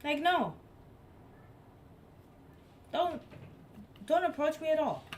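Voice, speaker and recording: Heavy background noise surrounds this woman's slow, high-pitched voice, which swings widely in pitch as she chats casually on a live stream. She speaks English as a third language rather than her native one, emphatically repeating things for effect.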